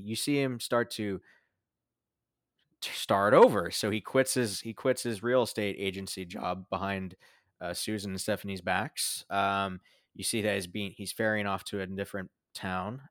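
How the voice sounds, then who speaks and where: Young guy rambling about a movie, lots of ums, deep-ish voice, dry mic. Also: steady tone, normal speed, fairly bright tone, dry recording. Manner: rambling, many fillers and restarts. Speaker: podcast co-host. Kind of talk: casual movie review chat.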